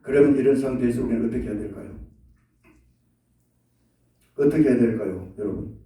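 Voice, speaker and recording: A male pastor preaching a sermon, animated, acting out quoted prayers and leading the congregation to repeat after him. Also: mid-range voice, fairly quick. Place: church sanctuary. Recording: echoey church hall from far off.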